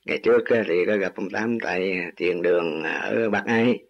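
A man's voice: low-pitched, normal speed, creaky. An older man speaking humbly and formally, with self-deprecating jokes. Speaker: husband of a student. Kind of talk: formal respectful speech. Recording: dull lo-fi recording.

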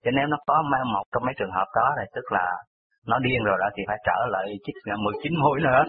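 Fast-talking Southern Vietnamese man on a phone line. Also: medium pitch, husky. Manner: rambling, detail-heavy storytelling. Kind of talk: recounting a personal story. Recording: tinny phone line on radio.

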